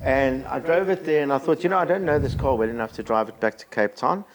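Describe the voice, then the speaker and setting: A man's voice: mid-range voice, fast, slight background noise. Guy rambling through old car stories on a podcast, lots of ums. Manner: rambling, restarts with many ums. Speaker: podcast guest. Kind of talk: casual storytelling chat.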